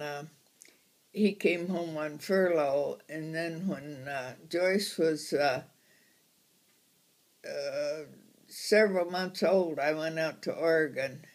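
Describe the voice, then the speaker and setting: A very old woman, ninety-one, reminisces casually as an interviewee, speaking in a low-pitched voice that is halting and unhurried.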